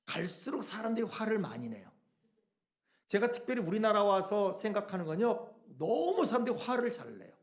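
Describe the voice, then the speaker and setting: A middle-aged man delivers a sermon from the pulpit. His voice sits high and moves with lively swings in pitch. He poses question after question to the congregation and slips briefly into quoted voices. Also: brisk. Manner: animated preaching with rhetorical questions; acts out quoted speech. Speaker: pastor.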